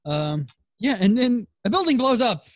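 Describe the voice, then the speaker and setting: A man co-hosting a podcast in casual chat, excitable and swearing, laughing often. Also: very high-pitched, moderate pace, no echo, studio quality. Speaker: podcast co-host.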